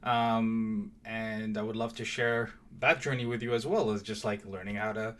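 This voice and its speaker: A man's voice: lowish voice, fairly even intonation, normal speed, fairly bright tone. A young man from Mauritius giving a casual, hesitant channel introduction, full of fillers and restarts. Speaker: vlogger. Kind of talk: casual direct-to-camera intro.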